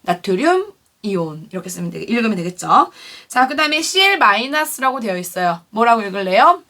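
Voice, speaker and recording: A woman's voice: a little high, sing-song, brisk, pushed and bright, far from the mic. A woman teaching a chemistry lesson to a class, who keeps asking questions and then answers them herself. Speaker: science teacher. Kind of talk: classroom lecture.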